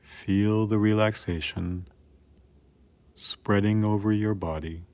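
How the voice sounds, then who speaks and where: A man calmly narrating a scripted guided relaxation in a soothing, measured way with long pauses. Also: on the low side.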